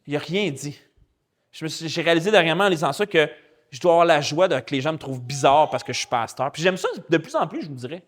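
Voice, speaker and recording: A man with a Québécois French accent, a pastor preaching a sermon in a lively, colloquial storytelling way. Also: fairly high pitch, fast talker. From Quebec. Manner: animated, colloquial and chatty, with spoken English slang.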